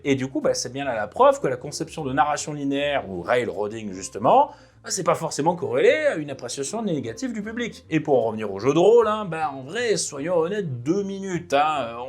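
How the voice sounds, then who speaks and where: A man hosting a casual video essay on tabletop role-playing, chatty and lively, full of fillers. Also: fairly high pitch. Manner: chatty, lively, drops fillers like "bah" and "hein". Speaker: tabletop RPG video host.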